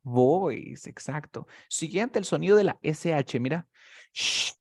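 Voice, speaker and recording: Over a video call, a man gives a one-on-one English lesson, patiently explaining in Spanish, slowly modeling each sound and checking often that his student keeps up. His voice is fairly high, expressive, gravelly and warm.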